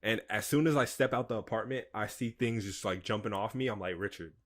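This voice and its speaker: A young man with a lowish voice co-hosts a casual podcast. He talks in easy slang and quotes his friends as he retells shared stories. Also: fairly quick, fairly bright tone. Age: young adult. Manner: laid-back, slangy, quotes friends mid-story. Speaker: podcast co-host. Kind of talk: casual storytelling chat.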